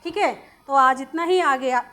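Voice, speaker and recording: A woman's voice: high voice, measured pace, bright, forceful tone. A woman teaching Hindi spelling in an online lesson to children, patiently repeating words and quizzing the class.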